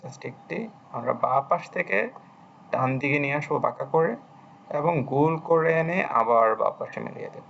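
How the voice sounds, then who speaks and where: Man, language teacher, screen-recorded lesson, patient and repetitive, raspy edge, muffled low-fi sound. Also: lively intonation, normal speed, a bit bright, a little hiss or hum. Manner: patient, repeats phrases as he writes strokes. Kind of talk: screen-recorded lesson, writing while explaining.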